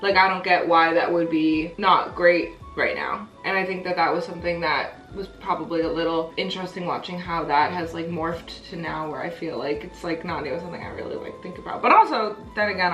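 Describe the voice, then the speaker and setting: A woman's voice: low-pitched, a bit bright. A young woman hosting a casual Q&A with her father, chatty and laughing easily, with many "like" fillers. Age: young adult. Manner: chatty, full of "like" fillers, giggly. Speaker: vlogger hosting Q&A. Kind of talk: casual chat. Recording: echoey room with faint music.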